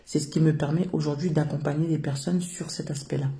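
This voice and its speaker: Hesitant woman speaking in a mellow voice. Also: deep voice, steady tone, fairly quick, slight background noise. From France. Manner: hesitant, many filler sounds, earnest. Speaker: founder of a social work business. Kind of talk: interview answers.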